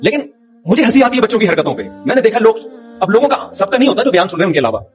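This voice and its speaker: A man's voice: high voice, big pitch swings, racing. A middle-aged man, an Islamic cleric, giving an informal religious talk, telling stories with humor and chuckling as he goes.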